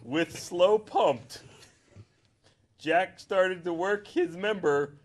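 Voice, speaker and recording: This reader on a charity livestream has a high voice and draws out his words while performing fan fiction for laughs. He reads theatrically, frequently breaking off to add chuckling ad-libbed remarks.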